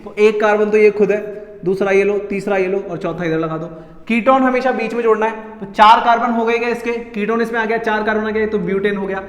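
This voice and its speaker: High-voiced man teaching in an echoey room. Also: steady tone, a little fast. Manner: talks to students as "beta", counts aloud step by step. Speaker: science teacher. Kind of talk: explaining chemistry at a whiteboard. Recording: echoey room, long reverb.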